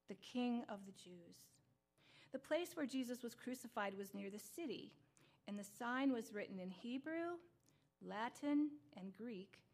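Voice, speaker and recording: A woman narrating a scripture reading in a steady, even way. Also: fairly high pitch. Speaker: reader.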